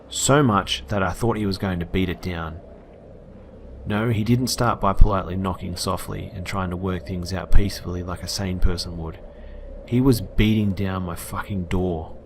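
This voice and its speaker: A man narrates a horror story in a low voice. His delivery is casual and blunt, with occasional swearing. A faint hiss sits under the recording. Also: moderate pace.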